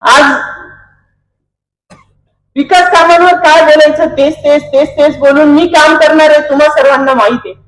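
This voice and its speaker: A woman politician giving an emphatic rally speech, with repeated phrases and rhetorical pauses. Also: high voice, steady tone, roomy sound, poor audio.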